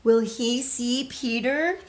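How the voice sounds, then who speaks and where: Slowly and in a voice on the high side, a woman teacher reads a children's storybook aloud. She speaks straight to the young listeners, posing questions and stressing key words with plenty of expression.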